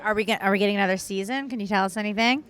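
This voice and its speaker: A woman's voice: mid-range voice, very fast, fairly bright tone. A woman working as an interviewer at a red carpet awards event, putting questions to guests.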